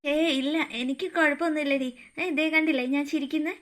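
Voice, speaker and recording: A woman's voice: high-pitched, steady tone, fast talker, fairly bright tone. A woman voicing an affectionate teenage girl friend in a cartoon story.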